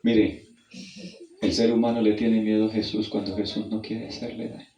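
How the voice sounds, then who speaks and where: A man preaching an evangelistic sermon. He tells a personal story, calls his listeners brother and asks them questions, and he goes from hushed and low to loud and high when he reads the scripture. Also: level tone, fast, dull audio. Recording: roomy, distant mic.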